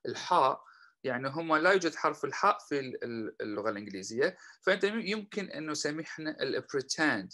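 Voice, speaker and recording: Man teaching slowly, then explaining quickly. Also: medium pitch, pushed and bright, low-quality recording. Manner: slow, drawn-out repetition when modeling phrases; quick and explanatory between examples. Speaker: language teacher. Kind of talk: teaching lesson.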